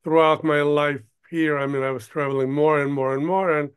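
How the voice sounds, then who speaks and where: An older man from Ukraine, a producer, talking as an interview guest in a halting way, stopping often to search for words. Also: fairly high pitch, steady tone, clear, resonant tone. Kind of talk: casual interview talk.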